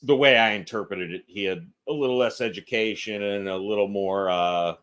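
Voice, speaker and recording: A man with a lowish voice chatting on a podcast as a guest actor and filmmaker. He is fidgety and self-deprecating and laughs a lot between thoughts. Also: normal speed, a bit bright. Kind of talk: casual podcast conversation.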